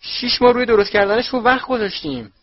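A man's voice: medium pitch, lively intonation, slightly rough, recorded from a distance. A man voicing a mischievous teenage boy twin in a storybook reading. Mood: indignant. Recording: dull lo-fi recording.

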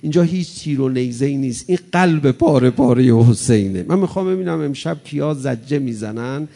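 A man giving an impassioned mourning sermon, pleading with the congregation and swinging between loud exhortation and hushed lament. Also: mid-range voice, animated, creaky. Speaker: preacher.

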